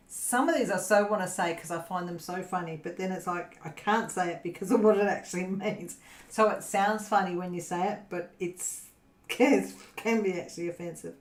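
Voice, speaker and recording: A woman's voice: lowish voice, normal speed. Giggly Australian woman in an echoey room. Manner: giggly, rambling, many fillers. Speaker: crafting channel host. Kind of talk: casual livestream chat with viewers. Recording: roomy echo.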